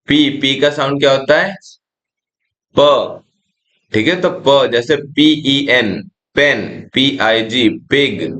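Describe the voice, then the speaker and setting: A young Indian man teaches phonics at a very unhurried pace, voice sitting in a middle pitch. He spells out each letter and sound patiently and calls his learners "beta". His accent is Indian English. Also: fairly bright tone. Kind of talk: slow classroom-style phonics lesson.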